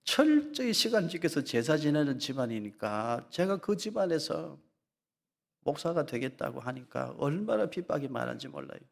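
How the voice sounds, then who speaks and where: This pastor's sermon is very animated, his voice creaky. He stretches the emotional parts out slowly and breaks into loud, high voices whenever he plays out mocking taunts.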